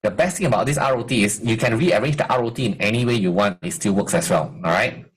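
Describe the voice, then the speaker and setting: A man's voice: fairly low pitch, quick pace, husky. A middle-aged man, teaching a live online marketing masterclass and quizzing his audience. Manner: energetic, rhetorical quiz questions to the audience. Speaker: marketing coach.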